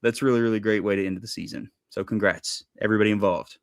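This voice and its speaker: A man's voice: fairly low pitch, fairly even intonation, fast, dry recording, studio quality. A man co-hosting a sports podcast, chatting casually and rambling with lots of fillers. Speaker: podcast co-host. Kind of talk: casual chat.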